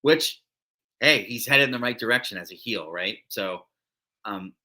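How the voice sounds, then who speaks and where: A man's voice: fairly low pitch, lively intonation, normal speed, pushed and bright. A man co-hosting a wrestling recap show, chatting casually and rambling with many fillers and restarts. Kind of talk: casual podcast chat.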